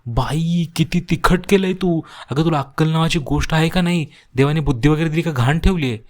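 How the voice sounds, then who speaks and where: A man voicing a sharp-tongued, scolding middle-aged mother-in-law in a cartoon story, with a nagging, insulting way of talking. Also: medium pitch, fairly quick, natural voice. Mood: shrill scolding.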